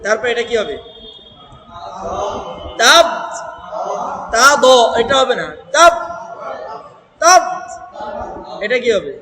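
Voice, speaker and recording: A man's voice: very high voice, big pitch swings, takes it slowly, long pauses, sharp tone, echoey room, long reverb tail. A man teaching Quran recitation one-on-one, patiently drilling a student letter by letter.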